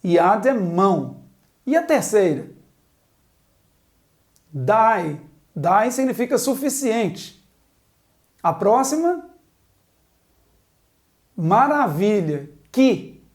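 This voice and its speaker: A woman's voice: medium pitch, very animated, extremely slow, pauses often, a little mellow. A woman teaching a language lesson at a board, spelling out sounds one at a time and asking the viewer to repeat after her. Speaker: Hebrew teacher. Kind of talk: slow, patient board lesson.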